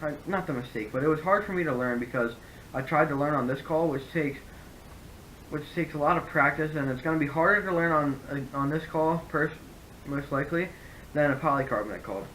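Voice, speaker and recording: A man's voice: on the high side, brisk, a bit bright, slight background noise, low-quality recording. A man giving a casual, rambling product review, often correcting himself as he explains. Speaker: hunting gear reviewer.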